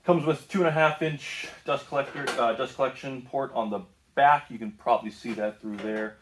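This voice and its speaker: A man's voice: mid-range voice, fairly even intonation, moderate pace, reverberant, slight background noise. A man from the northeast United States casually reviewing a bandsaw in his home woodworking shop, easygoing, with lots of ums and self-corrections. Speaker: tool reviewer.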